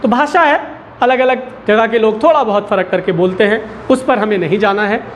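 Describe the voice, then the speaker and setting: Speaking at a moderate pace in a high voice, a man patiently quizzes a school class during a Hindi lesson and repeats the key words. Classroom children and slight background noise fill the background.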